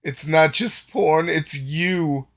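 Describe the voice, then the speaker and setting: A man voicing a flustered, secretive furry male restaurant owner who snaps back in a loud, indignant voice. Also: a little high, takes it slowly, pitched above the performer's own voice.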